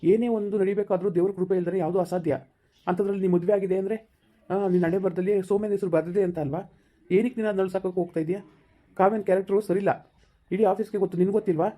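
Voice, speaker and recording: A woman's voice: medium pitch, fairly even intonation, rapid-fire, dark tone, lightly acted. A woman playing a stern middle-aged male office boss who lectures and scolds an employee in a village skit. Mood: lecturing.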